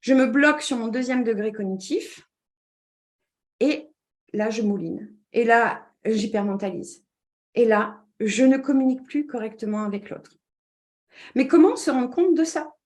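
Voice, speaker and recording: A woman with a slightly high voice explains ideas as a communication trainer. She talks with many fillers and restarts. She keeps checking that her listeners are following. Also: a little slow, a little mellow. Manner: checks in with listeners with repeated 'd'accord?'; hesitant restarts with frequent fillers. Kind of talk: explanatory talk.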